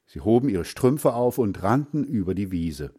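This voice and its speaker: A man slowly reading a children's story aloud with expressive delivery. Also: on the low side, husky. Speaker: narrator.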